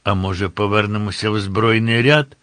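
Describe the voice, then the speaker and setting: A man voicing a timid, soft-spoken young man in an audiobook. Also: fairly low pitch, steady tone, normal speed, no room sound, lightly acted.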